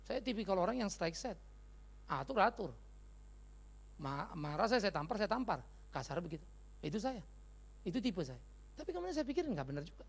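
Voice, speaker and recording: A man's voice: high-pitched, brisk, gravelly, long pauses, husky. A middle-aged male pastor preaching in a casual, slangy way, acting out little dialogues in changing voices and dropping in English phrases. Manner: lively storyteller who acts out dialogue in changing voices. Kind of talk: conversational sermon.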